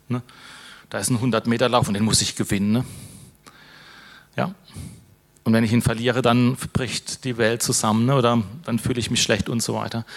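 A man's voice: mid-range voice, gravelly. A man preaching an informal sermon, conversational, with many fillers and tag questions. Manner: closes with a prayer.

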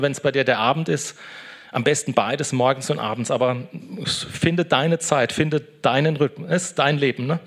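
A middle-aged man, a pastor, giving a relaxed, chatty devotional talk, often tagging his sentences with a questioning "ne". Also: medium pitch.

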